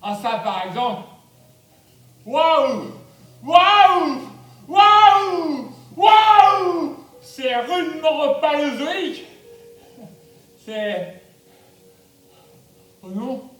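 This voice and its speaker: An actor on stage playing an overwhelmed, frightened chosen prophet, speaking in halting exclamations. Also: male voice, extremely high pitch, animated, full character voice. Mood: awestruck, horrified. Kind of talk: theatrical stage acting. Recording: distant echoey theatre with music behind.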